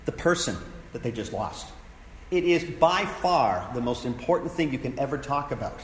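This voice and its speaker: A man's voice: medium pitch, lively intonation, normal speed. A man, a pastor, teaching a sermon in an earnest, conversational way, repeating his key phrases. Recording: echoey hall with faint background noise.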